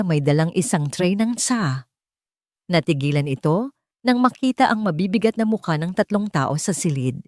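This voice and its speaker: A woman with a Filipino accent narrates a scripted dramatic story in a medium-pitched, slightly mellow voice. The studio recording is clean with no echo.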